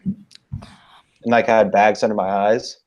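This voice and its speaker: A man's voice: lowish voice, fairly even intonation, unhurried, a little mellow, lo-fi sound. A young man chatting as a guest on a casual hangout, rambling and hesitant with lots of fillers. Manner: rambling, hesitant, self-conscious.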